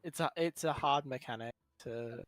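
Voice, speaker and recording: A man's voice: medium pitch, moderate pace, a bit bright. A man chatting casually and joking with teammates over voice chat during an online game raid. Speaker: raid player. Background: game music.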